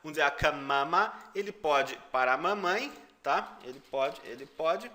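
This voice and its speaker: This man, who has a Brazilian Portuguese accent, gives a German lesson on song lyrics, repeating each phrase patiently and stressing the foreign words. His voice runs on the high side, bright and forceful, with lively intonation and a measured pace.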